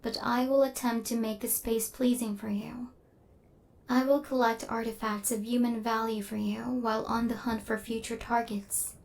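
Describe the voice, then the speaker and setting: A woman takes the role of a female robot hunter in an intimate ASMR roleplay, coldly logical but possessive and tender toward the human she targets. Her fairly high voice is very level and gravelly, at a moderate pace, with stiff, formal, clipped machine-like wording delivered deadpan. She sounds matter-of-fact and caring.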